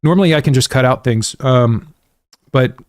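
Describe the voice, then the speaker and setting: A gaming livestream host from America chats with viewers at a moderate pace, sitting indoors at his desk. His voice sits in an ordinary middle range for a man, and his talk is loose, slangy, rambling and self-mocking. The audio is dry and close-miked with no room sound.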